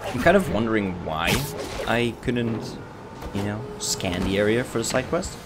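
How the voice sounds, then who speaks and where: A man livestreaming a video game, riffing to himself and greeting chat in casual commentary. His voice is low but swings widely in pitch, and game music plays clearly underneath. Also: lively intonation, moderate pace. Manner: joking self-talk, chatting to viewers. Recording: voice over loud game music.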